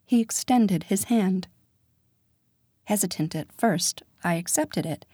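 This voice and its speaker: A woman narrates a first-person romance story in a soft, intimate voice that often sinks to a whisper. Her tone is mellow and breathy, recorded close and dry. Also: medium pitch, takes it slowly, dry recording. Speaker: audiobook narrator.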